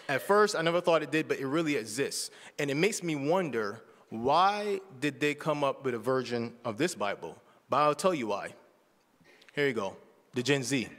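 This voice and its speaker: A man in his forties gives a casual, conversational sermon in a church sanctuary, often checking in with the congregation. His voice is fairly high and fairly bright, carried by the long reverb of a church hall.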